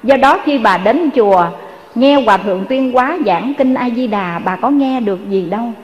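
A woman's voice: on the high side, moderate pace, long reverb tail, muffled recording. Earnest Southern Vietnamese woman preaching. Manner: earnest, addresses listeners directly. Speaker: Buddhist dharma speaker. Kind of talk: Buddhist storytelling sermon.

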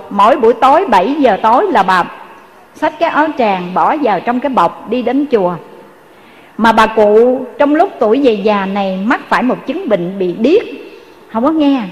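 Speaking with a Southern Vietnamese accent, a woman delivers a Buddhist sermon, earnestly telling a story to her listeners as a dharma speaker. Her voice is on the high side, and the rough recording was made in a large hall.

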